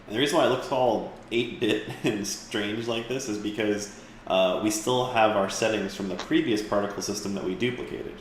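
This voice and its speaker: Echoey low-voiced man teaching software. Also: moderate pace, slight background noise. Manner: relaxed, rambling, with fillers and restarts. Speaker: instructor. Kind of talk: live class software tutorial.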